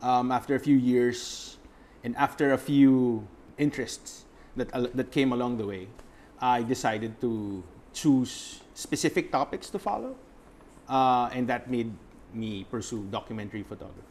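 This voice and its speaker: A young man, answering interview questions as a guest photographer and pausing often to find his words. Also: mid-range voice, a little mellow. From Philippines. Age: young adult. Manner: reflective, searching for words with many fillers.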